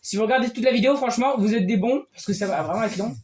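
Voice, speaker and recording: A man giving casual gameplay commentary as a streamer, excitable and often bursting into loud cheers. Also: sits high, racing, slight background noise. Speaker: game streamer.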